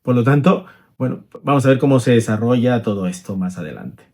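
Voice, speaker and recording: A man's voice: mid-range voice, animated, brisk, a little mellow. A middle-aged man, an immigration lawyer, explaining rules conversationally, walking through hypothetical examples and checking in with tag questions.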